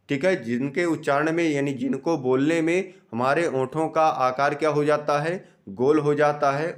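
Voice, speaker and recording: A man teaching an exam-prep grammar lesson, asking the class questions and answering them himself, slowly drawing out each vowel sound he demonstrates. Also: fairly high pitch, a bit bright. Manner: stretches out sounds slowly when pronouncing vowels.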